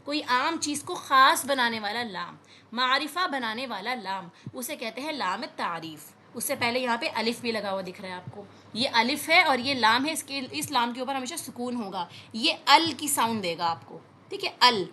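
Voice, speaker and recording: A woman teaching an Arabic lesson, reading words slowly and explaining them patiently with frequent checks on understanding. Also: fairly high pitch, lively intonation, bright, forceful tone, slight background noise. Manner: explains patiently, repeats words, often says "theek hai" to check understanding. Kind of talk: classroom lesson.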